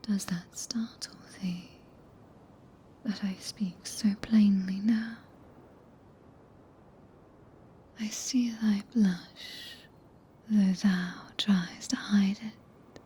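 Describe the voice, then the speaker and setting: A British woman playing a regal, tender, possessive witch in a soft, breathy, intimate ASMR whisper close to the microphone. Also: medium pitch, steady tone. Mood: intimate, confiding. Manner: slow, solemn, intimate, deliberate pauses. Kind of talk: ASMR roleplay, archaic scripted speech. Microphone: close binaural ASMR microphone.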